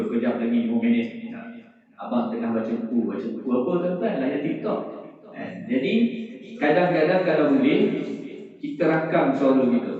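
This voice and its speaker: Malaysian man preaching in an echoey hall. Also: medium pitch. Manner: conversational, jokes with the audience. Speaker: religious teacher. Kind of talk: mosque lecture. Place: prayer hall. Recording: roomy, distant, dull lo-fi hall recording.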